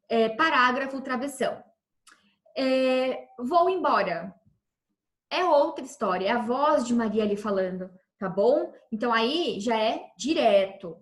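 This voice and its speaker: Brazilian woman, schoolteacher giving a remote class, patient and repetitive, high voice in a roomy space. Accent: Brazilian Portuguese. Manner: patient, repeats and checks understanding with "tá bom?". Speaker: teacher.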